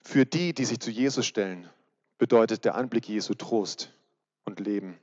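A man's voice: lowish voice, normal speed, darkish tone. Guy giving a laid-back youth sermon, keeps asking the crowd questions, long reverb, dull lo-fi sound. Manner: chatty, asks the audience direct questions. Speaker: preacher.

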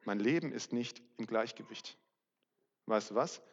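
A man's voice: on the low side, measured pace, vocal fry. A middle-aged man preaching a sermon as pastor, candid and self-mocking in a conversational way. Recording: muffled, reverberant hall recording.

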